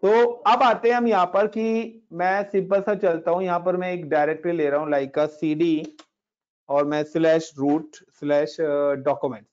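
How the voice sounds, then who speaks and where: A man with a slightly high voice runs a relaxed Linux lesson, chatting his students through each step and dropping in English tech words. The sound is dull and lo-fi. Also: a little slow. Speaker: Linux instructor. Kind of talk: casual screen-share class explaining commands. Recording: dull lo-fi recording.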